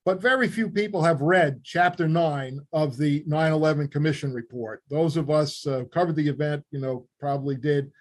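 An older man with a Queens New York accent, explaining things in a measured way as an interview guest. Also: fairly high pitch. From Queens, New York City, USA. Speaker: interview guest, former newspaper reporter and author. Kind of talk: conversational interview answers.

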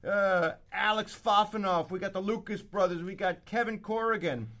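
A man's voice: high-pitched, moderate pace, fairly bright tone. Brash man hosting radio. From Brooklyn. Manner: brash, joking, emphatic. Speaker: radio show host. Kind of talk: radio talk and live ad reads.

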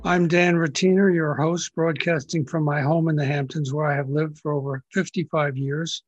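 A man's voice: fairly high pitch, steady tone, moderate pace, highs cut off. An older man hosting an interview podcast, reading a scripted introduction and then asking conversational questions. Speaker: podcast host.

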